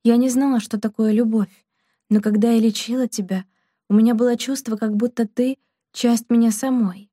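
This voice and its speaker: A woman reading the lines of a timid young woman in love, speaking in soft, breathy whispers. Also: a little high, steady tone, moderate pace, no echo, studio quality, close to an everyday voice. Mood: tender.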